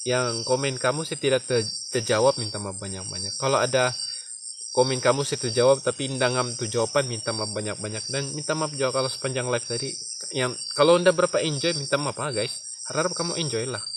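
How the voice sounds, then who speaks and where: A man's voice: mid-range voice, a little fast. A man with a Sabah Malay accent chatting casually to his livestream viewers, stammering and repeating himself in a self-mocking way. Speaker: livestream host. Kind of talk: casual live-stream chat. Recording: noisy night recording with crickets. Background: crickets and insects chirping.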